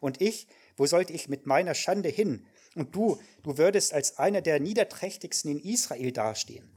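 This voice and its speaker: A man voicing a pleading young princess in a scripture reading, husky and plain. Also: on the high side, expressive, moderate pace, a little mellow, voice pushed up. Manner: plain read-aloud delivery.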